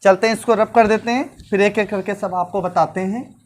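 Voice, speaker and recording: A woman teacher delivers an exam-prep lecture in a medium-pitched voice, talking a little fast with fairly even intonation. She drills points repetitively and poses questions she then answers herself.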